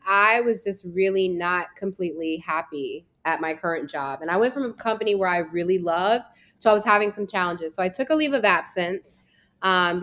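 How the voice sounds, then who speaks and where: A woman's voice: mid-range voice, a bit bright. An American woman from Virginia, a travel business founder, talking as a guest in an interview in a chatty, storytelling way. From Virginia, USA. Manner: chatty, storytelling, frequent "like" fillers. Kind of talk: casual interview talk.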